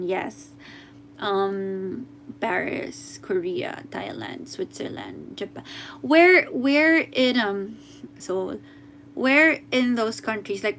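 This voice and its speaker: A young Filipino woman with a Filipino accent, chatting casually on a livestream, reading out comments and mixing in Tagalog, often halting to correct herself. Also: medium pitch, creaky, a bit bright, slight background noise. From Philippines. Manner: chatty, switches between English and Tagalog, often halting and unsure. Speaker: musician hosting a livestream.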